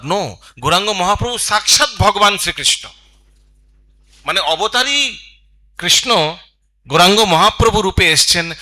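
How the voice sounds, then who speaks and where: A man giving a devotional scripture class to an audience, preaching with lively emphasis and slipping in English phrases. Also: on the high side. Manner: animated preaching, mixes English phrases, leads chanting. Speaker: Gita class speaker.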